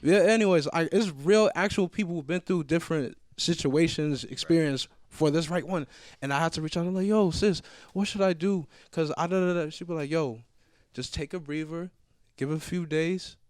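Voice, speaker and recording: A man's voice: a little high, moderate pace, no room sound. A man of twenty-seven telling a story in a casual group talk, swearing freely and acting out what people said. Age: 20s. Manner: profane, animated storytelling.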